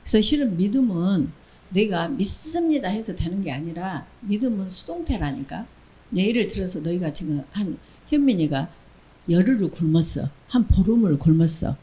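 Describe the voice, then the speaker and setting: A woman giving a Sunday school sermon to children in a church, lively, asking questions and answering them herself, acting out quoted lines. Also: fairly low pitch, moderate pace, rough recording. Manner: acts out short quoted lines in character voices.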